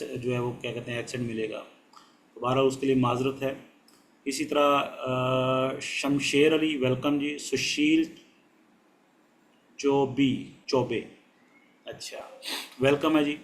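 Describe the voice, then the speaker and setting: A man hosting an online session, greeting each listener politely by name and pausing to sound out the names he finds hard. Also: medium pitch, a little hiss or hum. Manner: polite and courteous, ends phrases with "ji" and sounds out names slowly. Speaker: host of an online motivational session. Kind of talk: casual live-session welcome.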